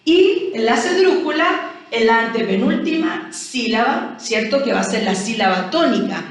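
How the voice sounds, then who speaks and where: A woman's voice: on the high side, lively intonation, moderate pace. A Chilean woman teaching a primary school language lesson, explaining patiently and checking in with frequent rhetorical questions. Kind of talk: recorded classroom lesson explanation. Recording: very echoey room, voice from far off.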